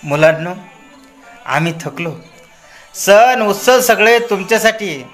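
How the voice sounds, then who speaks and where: A man's voice: high voice, lively intonation, takes it slowly, fairly bright tone, soft background music, voice pushed up, heavily acted. A man voicing a trembling elderly father who speaks in quavering, raised words of blessing. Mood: joyful.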